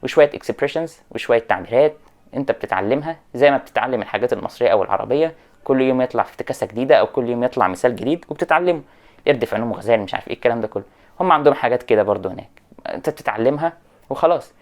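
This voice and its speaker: A man with an Egyptian Arabic accent talking straight to students, lecturing with animated mock examples of English phrases. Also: mid-range voice, rapid-fire. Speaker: education vlogger. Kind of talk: direct-address rant to students.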